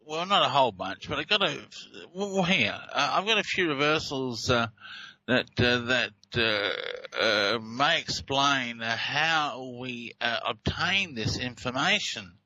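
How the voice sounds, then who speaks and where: An Australian man hosts a talk show and walks through recorded clips. His voice is bright and forceful, recorded dry and close. He talks haltingly, full of fillers and restarts. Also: medium pitch, no room sound, poor audio. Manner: hesitant, many fillers and restarts. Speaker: host.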